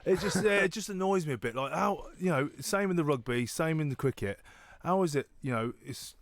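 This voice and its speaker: A man's voice: on the high side, lively intonation, a little fast, no echo. A man appearing as a guest on a sports radio show, giving blunt, plain-spoken opinions with frequent repeats. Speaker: studio guest, former rugby player.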